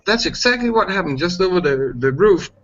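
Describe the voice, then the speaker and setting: A man chatting casually as host, animated and laughing a lot while acting out quotes. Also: high-pitched, a little fast. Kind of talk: casual chat on a video call. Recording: dull lo-fi call audio with faint background noise.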